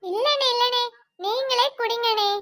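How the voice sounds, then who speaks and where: A woman's voice: extremely high pitch, steady tone, a little slow, pushed and bright, voice pushed up, heavily acted. A woman voicing a wary village woman who dodges questions in a family cartoon. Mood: evasive. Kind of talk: cartoon voice acting.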